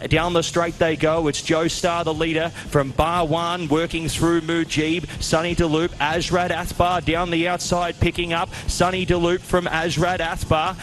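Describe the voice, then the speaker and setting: A man's voice: fairly high pitch, flat delivery, unhurried, hardly any pauses, a bit bright, slight background noise, low-quality recording. A man calling a horse race live as a race caller, in short running phrases. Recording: music playing behind the voice. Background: music.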